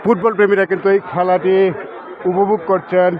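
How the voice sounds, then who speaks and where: Bangladeshi guy doing live football commentary, highish voice, hesitant, muffled sound with crowd behind. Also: flat delivery. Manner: hesitant, halting, phrase by phrase. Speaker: live presenter describing a football match. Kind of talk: live football match reporting. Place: outdoor school and college field.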